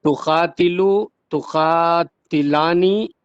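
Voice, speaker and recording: Male student, slow careful recitation, slightly high voice, dry dull audio. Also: fairly even intonation, smooth, no room sound. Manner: recites verb conjugations, answers briefly. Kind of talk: online class recitation.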